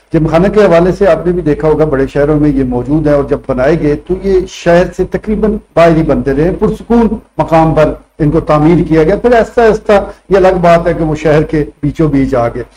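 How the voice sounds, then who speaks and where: Mellow male host, formal questions. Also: fairly high pitch, low-quality recording. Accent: Punjabi Urdu. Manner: brief assents, then long formal questions to guests. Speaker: talk show host. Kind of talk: studio panel discussion. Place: TV studio set. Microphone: table mic.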